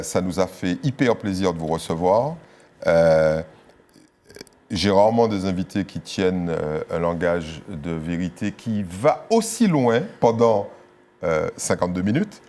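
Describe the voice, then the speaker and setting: A man's voice: low voice, a little mellow. A man hosting a TV interview, asking probing and teasing questions in a studio. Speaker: talk show host.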